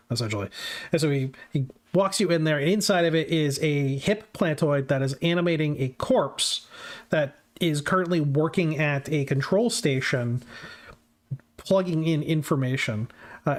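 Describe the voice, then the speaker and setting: A man narrates a tabletop role-playing session as its game master. His voice sits fairly high for a man. He laughs easily and slips in and out of character voices.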